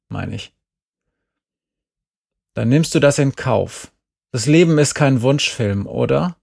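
A man reading an audiobook and voicing a blunt, bitter teenage girl who talks in a flat, cutting way. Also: mid-range voice, creaky.

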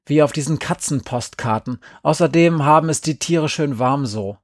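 A man's voice: fairly high pitch, moderate pace, no echo, clean studio sound, close to an everyday voice. A man reading the part of a bossy young girl who loves her plans, in an eager, persuasive way. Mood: eager scheming.

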